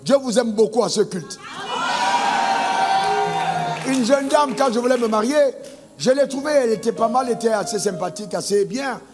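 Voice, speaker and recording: A man's voice: very high-pitched, normal speed, long pauses, big-room sound, music in the background, a crowd in the background. A male pastor preaching a sermon, calling on the congregation to answer amen. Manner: preaching with call-and-response amen prompts.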